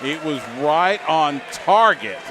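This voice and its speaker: A man's voice: a little high, lively intonation, slow pace. A man giving live color commentary on a pro wrestling match as the second commentator. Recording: noisy venue with crowd behind. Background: crowd noise.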